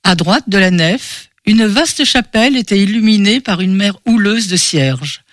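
A man narrating a novel in a measured, expressive way. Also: high voice, no echo, clean studio sound. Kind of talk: scripted audiobook narration.

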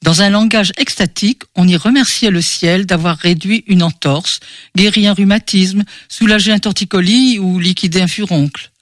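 A man narrating a novel in a measured, expressive way. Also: high-pitched, no echo, studio quality. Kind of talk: scripted audiobook narration.

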